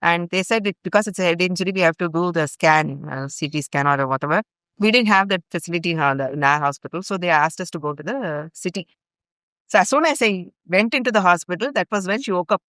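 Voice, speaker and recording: A middle-aged woman speaks quickly in a fairly bright voice on the low side, in a dry recording. Originally from Bhopal, India, and now a longtime ashram volunteer, she is a podcast guest telling a long personal story with an Indian English accent. Her earnest account runs through events in long chains, full of fillers.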